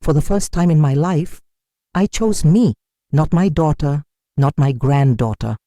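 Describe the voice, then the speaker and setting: An older woman telling a first-person story in a sombre, measured, wounded way. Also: low-pitched, mellow, dry recording, clean studio sound. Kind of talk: scripted first-person narration.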